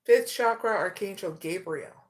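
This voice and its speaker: A woman doing an oracle card reading who keeps tagging her sentences with "okay?" and slows down to read out each card. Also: medium pitch. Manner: slow and deliberate when reading card names. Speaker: tarot reader.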